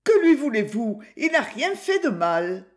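A reader voicing a flustered older widow who pleads in a higher, quavering voice. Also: big pitch swings, slow.

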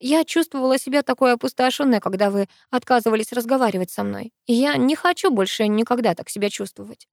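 A woman giving a steady first-person audiobook narration. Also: on the high side, fast talker, creaky, few pauses, no echo, studio quality.

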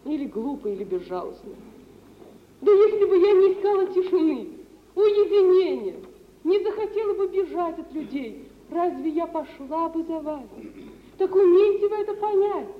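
Bitterness colors an extremely high-pitched young actress's voice as she plays a wounded, yearning, proud and sensitive bride without a dowry. It's 1950s Russian radio theatre, delivered with impassioned intensity and weighty pauses. The roomy recording is muffled and hissy.

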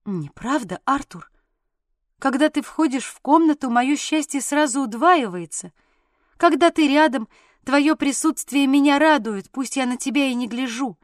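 A woman voicing a gentle, earnest young mother in an audiobook. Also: high-pitched, animated, moderate pace, no room sound, studio quality. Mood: earnest tender.

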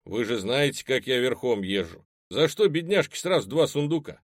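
A man's voice: mid-range voice, sing-song, moderate pace, no room sound, studio quality, voice pushed up. A man voicing a clumsy young apprentice who talks in a pleading, joking way. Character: young male apprentice, clumsy, self-mocking.

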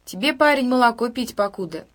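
A woman doing a gruff, wry older man. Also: fairly high pitch, animated, brisk, pitched above the performer's own voice, lightly acted. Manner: blunt, dryly mocking.

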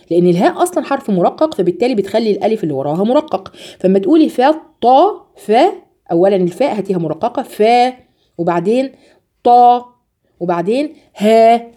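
A woman with an Egyptian accent teaching a tajweed lesson, drawing out recited words slowly and explaining the rules quickly between them. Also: a little high, dark tone. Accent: Egyptian Arabic. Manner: drills sounds slowly, then explains rapidly.

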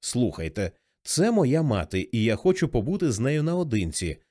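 A man voicing a grown son at his dying mother's bedside, speaking low, curt and restrained. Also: big pitch swings, normal speed, mellow. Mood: tense. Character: grown son, tense and grieving.

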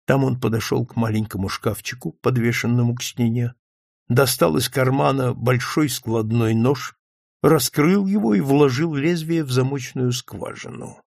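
Man, audiobook narrator, scripted narration, unhurried, gravelly voice, dry close sound. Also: mid-range voice, darkish tone, no room sound.

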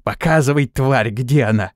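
A man's voice: medium pitch, moderate pace, dry recording, clean studio sound, natural voice. A man voicing a hot-tempered young male police trainee with indignant outbursts.

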